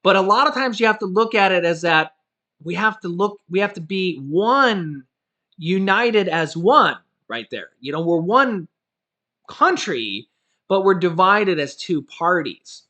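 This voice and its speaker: A man's voice: high voice, expressive, measured pace, pushed and bright. A man giving casual political commentary in a vlog, rambling and filling his talk with "you know" and "of course". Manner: self-correcting, loose talk. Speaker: vlogger on stimulus news.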